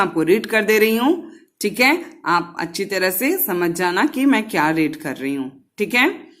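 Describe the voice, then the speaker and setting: A woman teaching young children Hindi vowel signs online, asking questions and answering them herself as she repeats words slowly. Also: medium pitch, a bit bright. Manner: slow, patient, repeats words and syllables for children. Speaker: primary school teacher.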